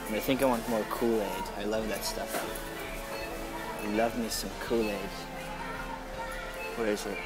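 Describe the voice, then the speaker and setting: A man's voice: lowish voice, low-quality recording. Chatty young man from Estonia. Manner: rambling, chatty, excitable. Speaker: vlogger. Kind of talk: casual vlog narration. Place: large indoor grocery store.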